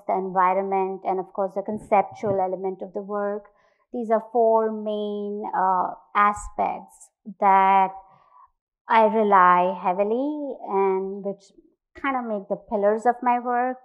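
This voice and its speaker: A woman from India speaks about her art in a reflective, halting way, full of small pauses and self-corrections. Her voice sits at a middle pitch. The sound is a little dull and lo-fi. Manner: thoughtful, hesitant, many fillers and restarts. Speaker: artist. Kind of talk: artist talk with slides.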